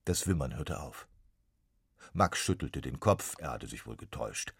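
A man narrating a children's storybook in an expressive, dramatic way. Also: rumbling low, moderate pace, vocal fry, slightly rough, no echo. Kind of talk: storybook reading.

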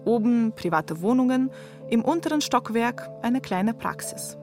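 A woman narrating a documentary she wrote, measured and reflective. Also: a little high, lively intonation, music in the background.

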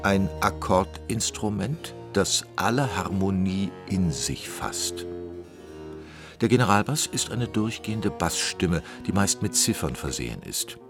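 A man reading a scripted radio documentary in a measured, explanatory manner. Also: deep voice, animated, music in the background. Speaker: documentary narrator.

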